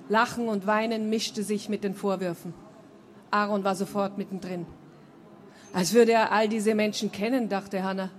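A woman author giving a calm, measured reading from her own novel at a book fair event. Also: medium pitch, a little hiss or hum.

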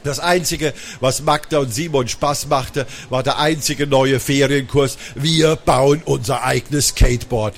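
A man reading a children's story aloud in a lively, animated way. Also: mid-range voice, a little slow, creaky, few pauses, a little hiss or hum.

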